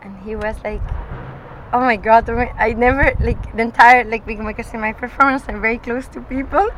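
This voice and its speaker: A woman's voice: on the high side, steady tone, brisk, fairly bright tone, a little hiss or hum, poor audio. A woman from Spain with a Spanish accent, a performance artist rambling through an interview with frequent restarts and laughs. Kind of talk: casual interview chat.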